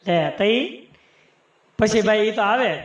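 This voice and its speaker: A man performing folk comedy on stage, chatting and teasing the audience, then reciting rhyming sayings in a steady rhythm. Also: high-pitched, slow, roomy sound, dull audio. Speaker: folk humorist.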